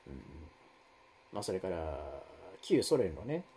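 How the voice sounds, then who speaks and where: A man's voice: very animated, unhurried, warm tone, a little hiss or hum. A man hosting a live stream, chatting casually with viewers and reading their comments, rambling with many fillers. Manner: rambling, many fillers, wide swings in pitch.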